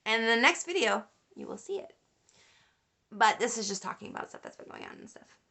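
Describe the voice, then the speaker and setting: A young woman vlogger telling a story in a casual, animated way, swearing and laughing as she rants. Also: a little high, fairly quick, gravelly.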